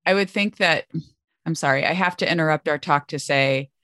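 A woman's voice: deep voice, normal speed, fairly bright tone, no echo. A woman hosting a podcast in casual, informal, self-deprecating chat, crammed into a small closet. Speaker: podcast host. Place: small closet in a house basement, on the floor.

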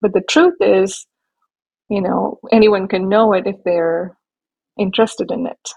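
A woman from India and Nigeria, talking thoughtfully as an interview guest with many small pauses and restarts. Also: medium pitch, fairly even intonation, gravelly, darkish tone, slightly rough, muffled recording. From born in India, raised in Nigeria. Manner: thoughtful, measured, with frequent fillers and restarts. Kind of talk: interview conversation.

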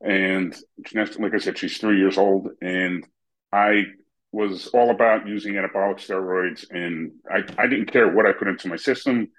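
A man in his fifties hosting an interview, plain-spoken and relaxed, with short affirmations. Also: sits low, moderate pace, poor audio. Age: 50s. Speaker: interviewer, host. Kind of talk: casual interview talk.

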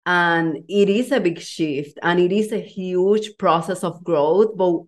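A woman's voice: fairly low pitch, takes it slowly. A woman hosting a podcast interview, an emotional and effusive talker who leans on "like" and shares her own coaching story. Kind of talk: casual interview chat.

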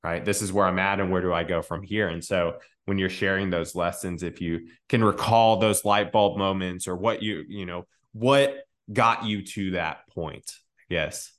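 A man's voice: deep voice, moderate pace, fairly bright tone. A man hosting a podcast interview, introducing the episode and asking questions with many fillers and restarts. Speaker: podcast host.

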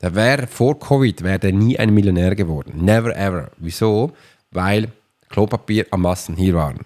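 A man's voice: deep voice, normal speed, a little mellow. A man, talking as a podcast host and coach in a chatty, rambling way and speaking straight to the listener. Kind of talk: casual motivational monologue.

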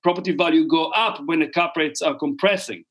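Speaking a little fast in a fairly high, bright voice, this real estate investor is a guest on a podcast. He's a middle-aged man with an Israeli accent whose conversational explanations wander and repeat words.

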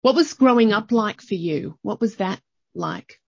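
A woman's voice: mid-range voice, expressive, a little slow, a little mellow, breathy edge, dry recording, lo-fi sound. A woman, hosting a podcast in an enthusiastic, bubbly chat. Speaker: podcast host. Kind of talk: casual interview chat.

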